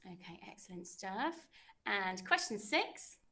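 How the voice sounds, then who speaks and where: A woman's voice: mid-range voice, very animated, a little slow, pushed and bright. A young woman, a French teacher, running a classroom quiz with pupils in an encouraging, chatty way.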